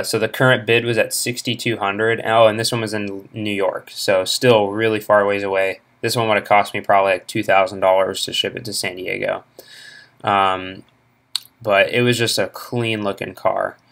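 A young adult car vlogger rambles through car auction listings at home, packing his casual screen-recorded commentary with fillers. His lowish, creaky voice has a fairly bright tone, picked up by a laptop's internal mic indoors.

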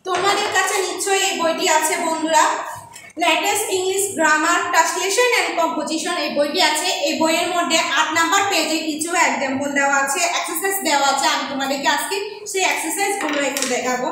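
A woman teaching an online English class to young pupils in Bengali, repeating each definition slowly so they can write it down. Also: extremely high pitch. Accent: Bangladeshi Bengali. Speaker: primary school English teacher. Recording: echoey room, mic at a distance, faint background noise.

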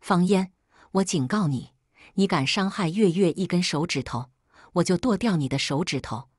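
Brief: female narrator doing a curt, protective young man, husky tone, dry recording. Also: fairly low pitch, moderate pace, no echo.

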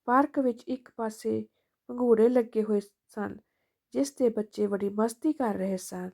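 Woman storyteller, calm steady narration, mellow tone, slightly high voice. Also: measured pace, vocal fry.

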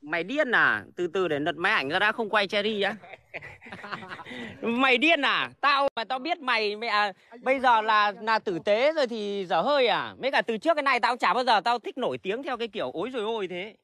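Man, high voice, rapid rambling livestream chat, blunt and swearing, dry close sound. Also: animated, pushed and bright. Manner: blunt, rambling, swears freely, many restarts. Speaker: livestream host selling plants.

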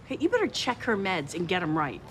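A woman's voice: lowish voice, huge pitch swings, fast, faint music behind. A woman acting in a film comedy as a combative, indignant middle-aged mother with an American accent, accusatory and repetitive. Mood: angry. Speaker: actor. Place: covered outdoor school yard. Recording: background noise of an outdoor location.

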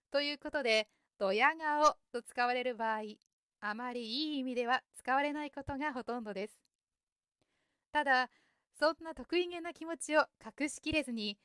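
A young adult woman hosting a scripted radio-style lesson for learners, explaining vocabulary in a clear, gentle, carefully paced way. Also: high voice, no room sound, studio quality. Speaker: host teaching Japanese vocabulary.

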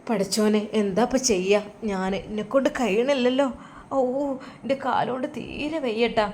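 Woman voicing a complaining older stepmother with a Malappuram Malayalam accent, pitched high and whining. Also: moderate pace, a little mellow, slight background noise, lightly acted. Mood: whining, pained. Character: wailing older woman, sharp-tongued stepmother with broken leg.

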